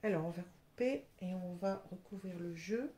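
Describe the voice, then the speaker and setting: A woman's voice: fairly low pitch, moderate pace, mellow, slight background noise. A woman with a French accent giving a casual tarot reading to her viewers, hesitant and full of fillers, often checking that they follow her. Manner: hesitant, many fillers, addresses viewers directly. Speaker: tarot reader.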